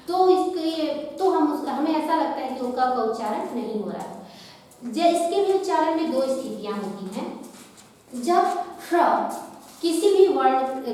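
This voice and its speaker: A woman teacher explains a grammar point patiently, step by step. Her voice sits high and carries through a reverberant room. She is recorded from some distance, with a long echo trailing each phrase. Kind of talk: Hindi grammar lesson. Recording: echoey room heard from a distance.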